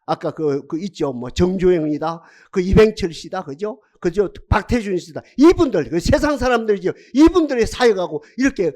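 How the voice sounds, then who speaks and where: Very animated male preacher. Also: sits high, moderate pace, hardly any pauses. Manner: dramatic preaching, rhetorical questions, swings from loud to hushed. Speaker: pastor. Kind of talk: sermon. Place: church sanctuary.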